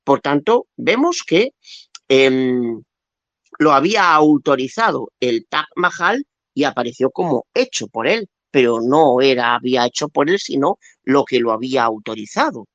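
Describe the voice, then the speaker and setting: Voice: mid-range voice, big pitch swings, unhurried, fairly bright tone, no echo. A debater making a hesitant, filler-heavy point in a religious debate. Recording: dull lo-fi dry recording.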